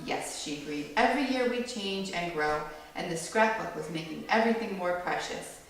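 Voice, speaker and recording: Captured from a distance in a very echoey room with faint noise behind her, a woman reads a children's story aloud expressively at a moderate pace, a little creaky. A low-to-average pitched voice isn't needed.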